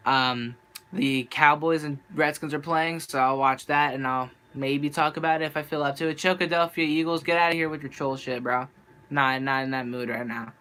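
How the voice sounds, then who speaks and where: A man's voice: on the high side, fairly even intonation, moderate pace, pushed and bright, clean tone. Frustrated young man venting on stream. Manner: frustrated, rambling, restarts often. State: losing his voice. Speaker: sports fan streamer. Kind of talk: venting live-stream monologue. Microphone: handheld camera.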